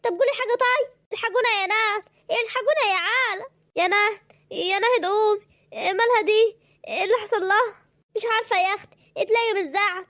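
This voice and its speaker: A woman playing a fretful village mother, very high. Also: fast talker, a bit bright, dry recording, clean studio sound. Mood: panicked. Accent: Egyptian Arabic. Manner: fretful, pleading. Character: anxious middle-aged village mother. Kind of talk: amateur drama voice acting.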